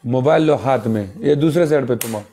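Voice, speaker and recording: A man's voice: mid-range voice, a little fast, warm tone, slight background noise. A man vlogging casually, giving repeated bossy directions for a phone photo.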